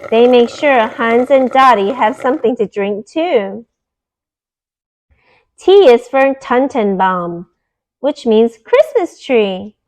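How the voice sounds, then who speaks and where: A woman with a fairly high, darkish voice reads a picture book aloud to children. She's deliberate and teacherly, laying out each word and its meaning clearly for young listeners. The audio quality is poor.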